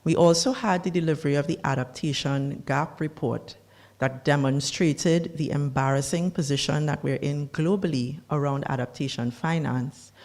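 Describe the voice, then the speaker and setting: A speaker giving a formal policy briefing on climate negotiations, measured and deliberate, with the odd dry aside. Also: mid-range voice, fairly even intonation, a little mellow.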